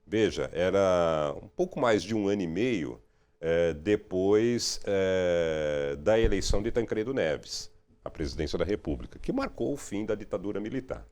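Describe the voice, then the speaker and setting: A middle-aged journalist talks through his career in a relaxed interview. His voice sits very low yet swings widely in pitch. He is reflective and keeps checking in with his listener. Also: a little slow. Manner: reflective, frequent "né?" tags. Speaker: radio and TV journalist.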